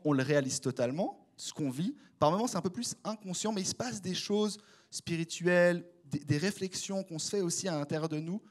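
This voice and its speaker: A young man with a Swiss French accent gives a relaxed, conversational sermon. His voice sits slightly high, and he talks straight to the congregation with lively swings in energy. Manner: animated, conversational, addresses the congregation directly. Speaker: preacher. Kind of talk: casual sermon.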